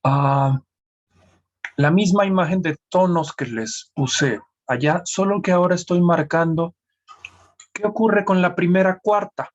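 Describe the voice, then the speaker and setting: Man, raised pitch, online seminar teacher, careful explainer, lo-fi call sound. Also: a little slow. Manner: explanatory, careful, frequently addressing the class. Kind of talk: academic lecture on music theory. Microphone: video call. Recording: dull lo-fi video call audio.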